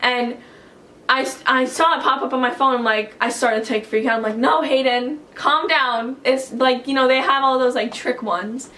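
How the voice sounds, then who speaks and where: Woman vlogger, higher-pitched voice, excitable and chatty, talking to camera at home. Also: normal speed. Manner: excitable and chatty, heavy use of "like". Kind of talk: casual storytelling to camera.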